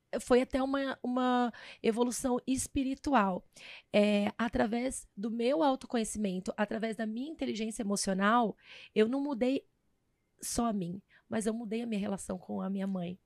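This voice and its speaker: A woman's voice: a little high, dry recording, studio quality. A woman from the São Paulo state interior, a guest in an interview, telling personal stories and acting out the dialogue she quotes. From Presidente Prudente, São Paulo state, Brazil. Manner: animated storyteller who acts out quoted dialogue. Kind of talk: personal storytelling in a casual interview.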